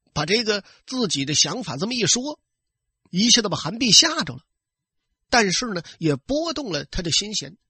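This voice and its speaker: A man telling a tale in traditional oral storytelling style, lively and conversational, talking straight to his listeners. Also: sits high, husky, dry recording.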